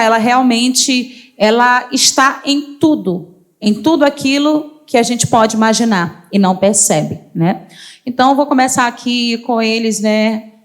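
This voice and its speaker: Woman, church host, fairly high voice, frequent tag questions. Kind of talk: church talk.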